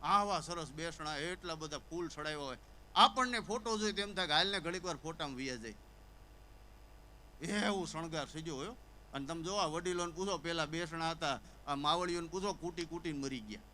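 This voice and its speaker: A fairly high-pitched man speaking at normal speed tells a comic Gujarati folk story on stage as a stand-up comedian. He animates the characters, giving them stammers and sobbing. The recording is low quality, with slight background noise.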